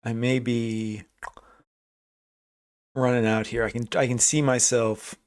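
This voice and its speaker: He speaks slowly with a flat delivery and a clean, mid-range tone. A day trader on a live stream, he chats casually, thinks out loud, restarts himself, and reads out viewers' chat names when answering.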